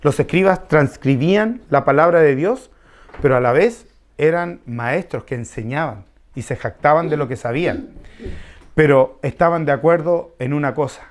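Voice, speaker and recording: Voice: medium pitch, moderate pace. A preacher teaching a Bible passage to a congregation, repeating key phrases and asking them questions. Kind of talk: expository Bible study sermon.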